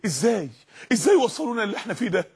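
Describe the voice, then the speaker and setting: A man's voice: high-pitched, sing-song, rapid-fire, vocal fry, husky. A young man preaching an impassioned sermon in an Egyptian accent, pressing his points through repeated rhetorical questions and commands. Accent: Egyptian Arabic. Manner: impassioned, rhetorical, repetitive exhortation.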